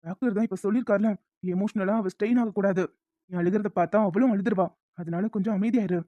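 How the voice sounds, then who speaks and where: A woman's voice: mid-range voice, steady tone, quick pace, no echo, close to an everyday voice. A woman voicing a caring, protective husband who talks in a soothing, firm way, on a dull lo-fi recording. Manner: soothing, then curt and evasive. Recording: dull lo-fi sound.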